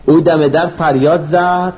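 A man narrating a children's story in rhyming verse, telling it with lively storytelling. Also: on the high side. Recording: dull lo-fi recording, faint music.

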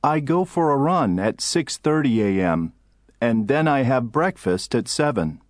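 A man voicing an adult tour guide answering street interview questions in scripted textbook audio, with lively, clear delivery. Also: medium pitch, no echo, studio quality, lightly acted. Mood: plain.

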